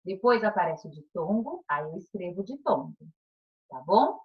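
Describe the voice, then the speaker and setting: Speaking at a fairly low pitch with big swings, a female teacher with a Brazilian Portuguese accent gives primary pupils a recorded remote lesson. She stays encouraging, lengthens her syllables, and frequently adds "tá?" check-ins, all in lo-fi sound.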